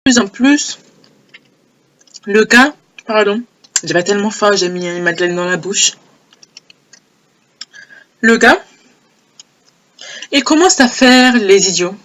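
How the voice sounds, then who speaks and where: A young woman with a hoarse, low voice telling a personal story in a casual, animated way, repeating phrases for emphasis. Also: slow, long pauses. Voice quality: low broken voice. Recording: old homemade audio.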